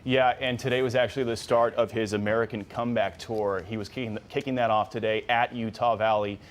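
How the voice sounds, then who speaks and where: A man co-anchoring live breaking news, steady and explanatory. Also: on the low side, a little fast.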